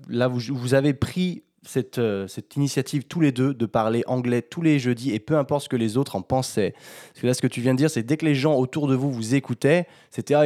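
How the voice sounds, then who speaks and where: Enthusiastic host, mid-pitched voice. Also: male voice, warm tone. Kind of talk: casual interview.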